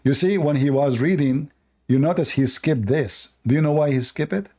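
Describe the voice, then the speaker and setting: Male debate host, scornful and combative, non-native English, higher-pitched with a soft, dark tone. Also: moderate pace. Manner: mocking, combative, laughs at opponents. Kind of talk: live debate commentary.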